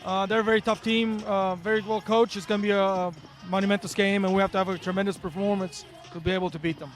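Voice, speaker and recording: A man interviewed as a basketball coach, matter-of-fact with halting starts. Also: high-pitched, level tone. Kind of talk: post-game interview.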